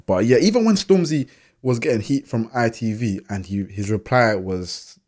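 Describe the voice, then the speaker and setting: A man's voice: fairly low pitch, animated, normal speed, darkish tone. A man in casual podcast chat, making emphatic points with examples.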